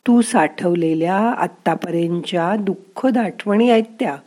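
A woman voicing the narrator's own mind as a gentle, wise inner voice that coaxes and softly scolds. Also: fairly low pitch, measured pace. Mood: gently coaxing.

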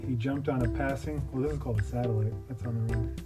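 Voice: mid-range voice, fairly even intonation, fast, loud music behind the voice. An adult reading a storybook aloud and chatting with a child, prompting and repeating phrases. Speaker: parent reading a storybook to a child, podcast host. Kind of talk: read-aloud storytelling mixed with casual chat with a child.

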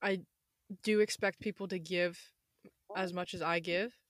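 A twenty-year-old woman with a slightly hoarse voice, chatting casually in a rambling, self-interrupting way. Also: fairly low pitch, steady tone, measured pace, dry recording, studio quality. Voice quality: slightly hoarse, losing her voice. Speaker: podcast host. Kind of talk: casual chat.

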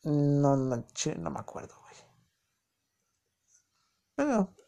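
Gravelly young man with a Mexico City accent. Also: a little high, very animated, slow, mellow. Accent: Mexico City Spanish. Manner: chatty, joking, full of slang fillers. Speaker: podcast host. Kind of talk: casual storytelling monologue.

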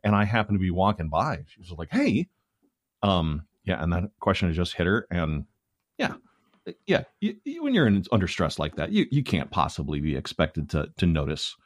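A man's voice: low-pitched, very animated, a little fast, dry recording, clean studio sound. A man, a guest comedian on a podcast, rambling along in casual chat with plenty of filler sounds.

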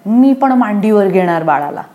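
A woman voicing a sulky, jealous little girl in a children's story, whining and shouting when she doesn't get her way. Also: mid-range voice, animated, normal speed, narrow, tinny audio, lightly acted. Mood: pleading. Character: pouty jealous little girl, new big sister.

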